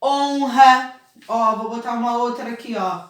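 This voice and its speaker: A woman teaching a children's spelling lesson, slow and patient, often checking in with her pupils. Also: fairly high pitch. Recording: echoey room, voice a bit far from the mic.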